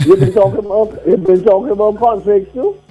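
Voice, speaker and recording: A man's voice: sits high, brisk, warm tone, breathy edge. A man with a Vincentian accent calling in to radio, chatting casually in a rambling, teasing way full of questions. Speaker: radio phone-in caller. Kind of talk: casual opinionated chat. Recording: muffled radio phone-in with music.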